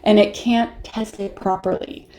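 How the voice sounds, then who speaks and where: A woman's voice: mid-range voice, steady tone, a little slow, warm tone. A woman with a Canadian accent presenting a live online workshop, chatty, laughing often and answering viewer questions as she goes.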